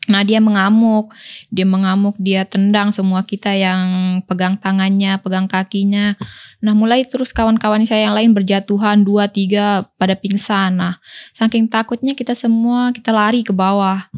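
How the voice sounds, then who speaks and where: Woman from Lombok, Indonesia, guest storyteller, casual chat, quotes friends in lively retelling, mid-pitched voice. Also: normal speed. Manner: animated retelling, quoting friends' words. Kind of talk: casual ghost-story telling.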